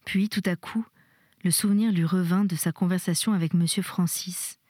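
A woman reads a storybook aloud in a measured, expressive way, her voice sitting fairly low. The recording is dry and close, with no echo. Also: breathy edge. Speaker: audiobook reader. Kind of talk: storybook narration.

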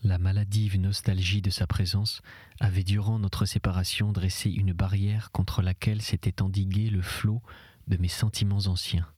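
Husky, low-voiced male audiobook narrator. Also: little pitch movement, moderate pace, darkish tone, no room sound. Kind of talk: audiobook reading of a literary novel. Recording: dry close recording.

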